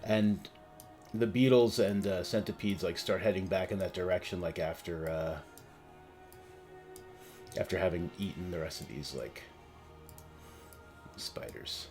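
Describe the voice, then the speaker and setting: A man narrating a tabletop game as game master, casual and halting as he thinks aloud. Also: deep voice, darkish tone, faint music behind.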